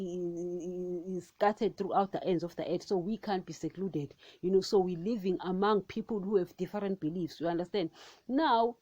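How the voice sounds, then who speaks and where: A woman's voice: on the low side, dark tone, slightly rough, muffled recording. A woman preaching an informal podcast sermon, emphatic and repetitive, often asking whether the listener understands. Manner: emphatic, asks the listener "you understand?" often, repeats herself.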